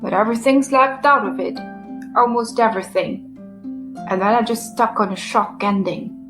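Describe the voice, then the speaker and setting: A woman voicing a frail, dying male writer who speaks in a soft, half-whispered, weary and rambling way. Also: a little high, normal speed, over music, natural voice. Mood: wistful. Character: frail dying middle-aged male writer, self-deprecating.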